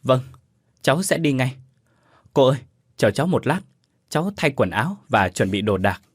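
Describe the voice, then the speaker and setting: A man's voice: a little high, lively intonation, a little fast, no echo, studio quality. A man voicing an anxious, grieving young son in a storybook ghost tale, pleading in agitated outbursts. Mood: distraught.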